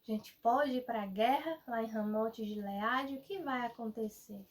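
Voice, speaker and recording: A woman's voice: fairly high pitch, moderate pace, distant mic, lightly acted. A woman voicing a stern, impatient male king who gives commands, in a children's Bible story. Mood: demanding.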